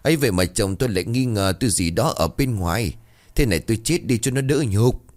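A man's voice: lively intonation, a little fast, a little mellow, dry recording, studio quality. A man voicing a middle-aged village wife who scolds and wails. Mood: wailing. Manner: scolding, wailing, shrill.

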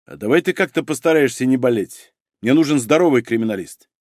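A man's voice: medium pitch, lively intonation, brisk, darkish tone, no room sound, clean studio sound, close to an everyday voice. A man reading the part of a curt, blunt male police investigator giving orders. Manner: curt, commanding.

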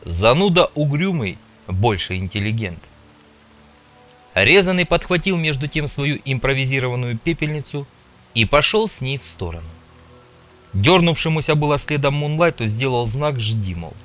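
A man narrating an audiobook in a lively, expressive read. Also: medium pitch, normal speed, soft background music. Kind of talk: scripted narration.

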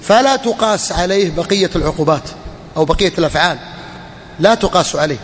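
A man's voice: sits high, fast, in a large hall, a little hiss or hum. A man, a sheikh, teaching a hadith lesson in a classroom way, repeating each phrase and putting questions to his students.

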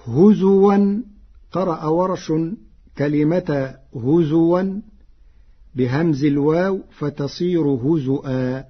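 A man teaching Quran reading variants in a measured, scholarly way, with an Egyptian accent, on a dull radio broadcast. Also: fairly high pitch, slightly rough. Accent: Egyptian Arabic. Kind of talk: explaining Warsh reading variants.

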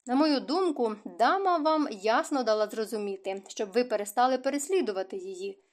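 A woman reading a reserved young gentleman who speaks in a formal, measured way. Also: very high-pitched.

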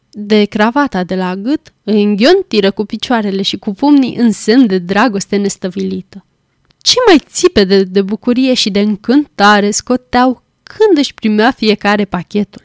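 A woman reading a classic tale aloud as an audiobook, measured and clear. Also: medium pitch, dry recording, clean studio sound. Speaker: volunteer audiobook reader. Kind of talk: scripted audiobook narration.

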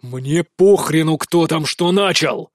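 A man's voice: on the high side, lively intonation, moderate pace, darkish tone, no echo, studio quality. A man voicing a stern, domineering middle-aged prince scolding his son, harsh and barking. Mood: angry.

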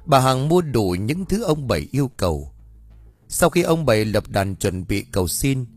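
A man narrating a story in a steady, even way. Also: medium pitch, moderate pace, dry recording, soft background music. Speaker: audiobook narrator.

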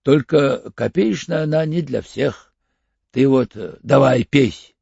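A man's voice: mid-range voice, slow, vocal fry, a little mellow, slightly rough, no room sound, lo-fi sound, full character voice. A man voicing Mishka, a hardened male ex-convict who talks bluntly and in clipped phrases, in an audiobook. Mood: hard, curt. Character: tough hardened male ex-convict, curt and cool.

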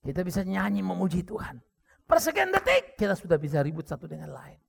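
Animated high-voiced preacher man, gravelly. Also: fast talker. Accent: Indonesian. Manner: lively preaching with jokes, acted quotes and sudden shouts. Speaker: pastor. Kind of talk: sermon.

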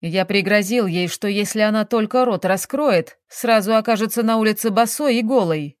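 A woman voicing a flustered, blustering middle-aged male businessman, reading slowly in a dry, close sound. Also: medium pitch, dry recording, natural voice. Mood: defensive. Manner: agitated, blustering, whining.

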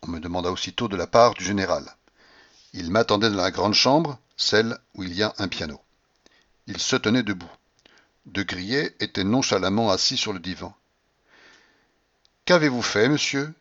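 A man reading a classic novel aloud as an audiobook, with a dramatic, expressive delivery that acts out the scenes. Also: normal speed, highs cut off. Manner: dramatic, shifts pitch to act out scenes. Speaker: audiobook reader. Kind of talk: expressive literary narration.

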